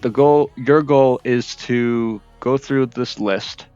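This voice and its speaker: A man's voice: mid-range voice, slow, darkish tone, clear, resonant tone, no echo, muffled recording, faint music behind. A man hosting a casual interview over VR voice chat, rambling and restarting his sentences while his audio comes through choppy and keeps cutting out. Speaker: interview host. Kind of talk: casual live-stream interview in VR. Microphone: headset mic in VR.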